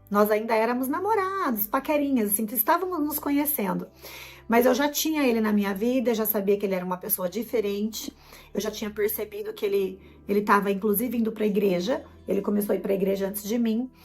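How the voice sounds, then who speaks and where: Woman, Brazilian Portuguese accent, middle-aged, emotional testimony, slightly high voice, faint music behind. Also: quick pace. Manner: expressive storytelling, acts out her own past words. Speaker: host giving a personal testimony.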